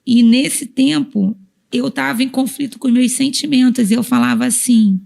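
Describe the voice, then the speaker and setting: A woman's voice: a little high, steady tone, normal speed, creaky, a little mellow. A woman pastor telling her personal story as a podcast guest, heartfelt and emotional, repeating phrases as she goes. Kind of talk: personal testimony in a podcast interview.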